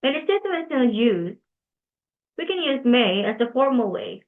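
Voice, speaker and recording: A young woman, reading a class presentation aloud in a careful, deliberate way and correcting herself as she goes. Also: a little high, sing-song. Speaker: student presenter. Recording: tinny phone-like recording.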